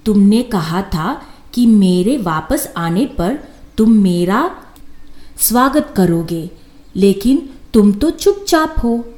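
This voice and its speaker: A woman voicing a clever, wary male jackal in a storybook tale, calling out loudly and coaxingly. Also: medium pitch, animated, slow pace. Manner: loud, coaxing call. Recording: echoey room.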